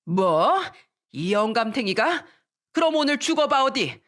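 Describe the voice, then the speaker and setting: A woman playing a loud, bossy older mother-in-law. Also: medium pitch, normal speed, close to an everyday voice. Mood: furious. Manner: shouting, domineering.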